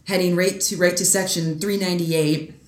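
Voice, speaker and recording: A woman in her thirties from Michigan chats as a podcast guest, sounding animated and chatty. Her voice sits a bit low for a woman. The room has a noticeable echo. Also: moderate pace. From Michigan, USA. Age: 30s. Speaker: guest, ghost hunter and librarian. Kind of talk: casual podcast chat.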